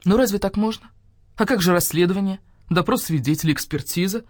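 A woman voicing a calm, wise old male badger detective, speaking low and measured. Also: dry recording, studio quality, lightly acted. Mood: calm, probing.

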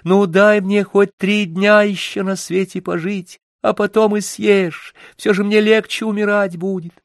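A man's voice: high voice, little pitch movement, a little slow, dry recording, clean studio sound, voice pushed up. A man reading a fairy tale voices a frightened little hare begging for its life. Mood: pleading. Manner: pleading.

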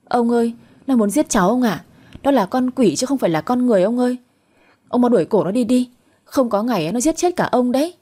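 A woman voicing a spiteful young wife who mocks and then wails in shrill complaint. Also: brisk, dark tone, slightly rough. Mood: wailing.

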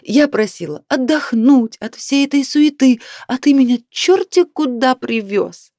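A woman's voice: sits high, expressive, a little slow, a little mellow, no room sound, clean studio sound, pitched above the performer's own voice. A woman reading the part of an irritable clairvoyant wife who scolds her husband. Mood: indignant. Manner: indignant, reproachful.

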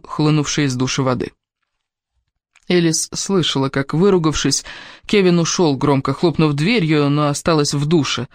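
Male audiobook narrator, fairly high voice, steady, even delivery, dry close recording. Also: no echo. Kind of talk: scripted narration of a romance novel.

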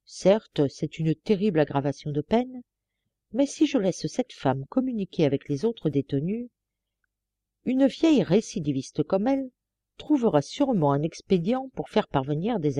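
A woman reading the part of a stern middle-aged male investigating judge, grave and deliberate. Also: fairly low pitch, sing-song, dark tone, dry recording.

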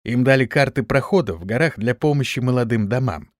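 A man reading an audiobook, voicing a sly, bold young male hero in a brash, lively tone. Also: medium pitch, a little fast, no room sound, studio quality, lightly acted. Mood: scheming.

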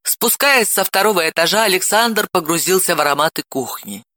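A man narrating an audiobook with an expressive, dramatic reading. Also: high-pitched, brisk, dry recording, studio quality.

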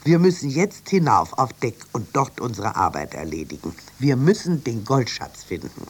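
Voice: mid-range voice, sing-song, moderate pace, breathy edge. A reader voicing a kindly, caring ship captain who reassures his sister in a children's radio story. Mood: reassuring.

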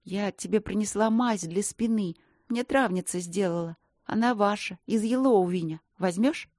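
A woman's voice: normal speed, a little mellow, no echo, clean studio sound, natural voice. A woman voicing a chatty, impulsive young girl artist who pleads and chatters in a raised voice. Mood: chirpy. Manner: pleading, high-pitched chatter.

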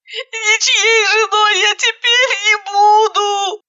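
A woman's voice: flat delivery, sharp tone, highs cut off, heavily acted. A woman voicing a hysterical young bride who sobs and cries out in desperation, stretching her words as she wails. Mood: sobbing. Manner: shrill crying outbursts, drawn-out wailing words. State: crying.

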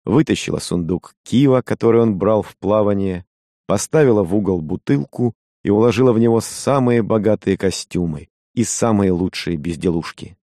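A man narrating a story with a low, mellow voice. His delivery is measured and expressive. The recording is dry and close. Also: dry recording. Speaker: audiobook narrator. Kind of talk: scripted narration.

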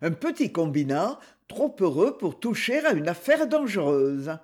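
A man's voice: high-pitched, big pitch swings, measured pace, full character voice. A man doing a worried, blunt police commissioner.

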